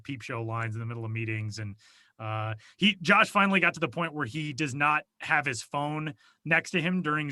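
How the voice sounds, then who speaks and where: This podcast co-host's fairly high voice comes across bright and forceful, with no echo. He chats casually, rambling and poking fun at himself, from a small soundproofed closet studio through a home studio mic on a video call.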